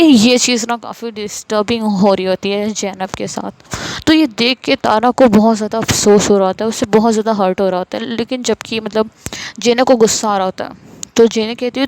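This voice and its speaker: A woman's voice: on the high side, a little hiss or hum, poor audio. Chatty woman retelling a love story. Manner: chatty, many fillers and self-corrections.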